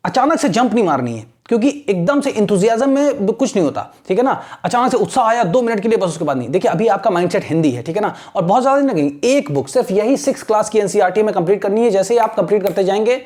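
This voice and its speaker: A man teaching a lecture in Hindi mixed with Indian-accented English, slowing down deliberately on English lines to model pronunciation. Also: high voice, expressive, a little mellow. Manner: mixes Hindi and English, repeats "ठीक है ना". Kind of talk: classroom lecture.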